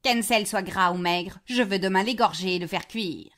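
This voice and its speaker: A woman's voice: mid-range voice, moderate pace, fairly bright tone, natural voice. A woman voicing a cruel, greedy old witch in a storybook reading, harsh and commanding. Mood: menacing.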